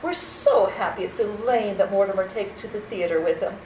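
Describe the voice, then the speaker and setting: In a roomy stage recording with faint noise, a woman with a warm, natural mid-range voice speaks fairly quickly. She plays a sweet, daffy elderly aunt in an old-time radio comedy, genteel, fussy, chirpy and chatty.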